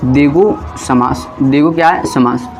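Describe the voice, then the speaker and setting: A man's voice: mid-range voice, soft background music, rough recording. A man teaching a grammar class who asks questions and then answers them himself, stretching out words as he writes on the board. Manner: drawn-out words while writing on a board.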